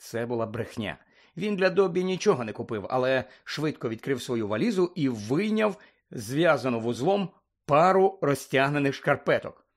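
A man reading a children's fantasy novel aloud, acting out each character's lines with lively expression. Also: mid-range voice, normal speed. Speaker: narrator. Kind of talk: audiobook reading.

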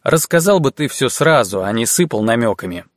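A man voicing a calm, wry comrade. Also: medium pitch, a little fast, dry recording, clean studio sound, natural voice. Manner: calm, wry, soft-spoken. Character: calm, dry-witted male comrade, philosophical.

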